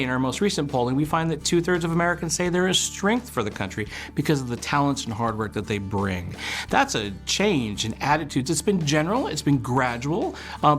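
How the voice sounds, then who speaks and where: Man, fairly high voice, confident, explanatory, faint music behind. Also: a bit bright. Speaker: polling expert. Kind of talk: documentary interview.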